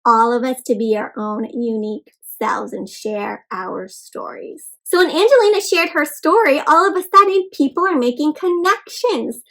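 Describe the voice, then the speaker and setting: A woman hosts an interactive storybook read-aloud for young children, speaking to them as friends and frequently asking them questions. Her high voice is expressive, bright, and forceful, moving at a moderate pace with few pauses, and she sounds encouraging on a rough recording.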